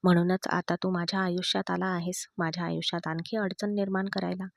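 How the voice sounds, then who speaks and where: A woman's voice: on the low side, flat delivery, a little fast, vocal fry, dry recording. A woman voicing a proud young mother who bitterly pushes her husband away, in a read-aloud story.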